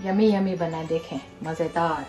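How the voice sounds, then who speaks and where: A woman's voice: deep voice, fairly even intonation, a little slow. A woman in her thirties hosting a casual home cooking show, walking viewers through each step in her kitchen. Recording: background music under voice.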